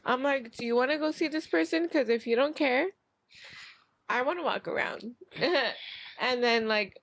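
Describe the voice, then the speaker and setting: A young woman co-hosting a podcast, telling stories in casual, animated, slangy talk with swearing. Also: sits high, normal speed, creaky. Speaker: podcast co-host. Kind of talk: casual storytelling chat.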